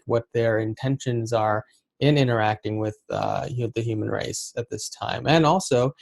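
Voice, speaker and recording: A man's voice: mid-range voice, creaky, darkish tone. A man hosting an interview show, speaking in an earnest, somewhat hesitant way with restarts. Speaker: host.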